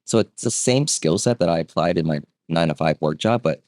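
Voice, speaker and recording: Low-voiced man telling his story casually. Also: fairly quick, no room sound. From Vietnam. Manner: relaxed, conversational, frequent fillers and rhetorical "right?". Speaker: guest, real estate agent.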